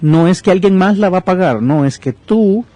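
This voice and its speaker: A man's voice: high-pitched, expressive, normal speed, mellow, no room sound. A man giving pastoral counsel on a podcast, teaching conversationally about forgiveness and retelling and reading a parable aloud with explanatory asides. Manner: reads verses aloud.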